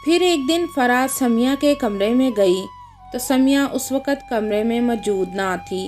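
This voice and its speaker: A woman narrating a scripted family story in a measured, storybook manner. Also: fairly high pitch, animated, a little mellow, soft background music. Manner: slow, measured storybook reading.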